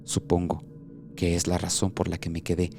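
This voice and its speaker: A man narrating a scripted horror story as a doctor, in a slow, measured, hushed delivery. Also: sits low, monotone. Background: background music.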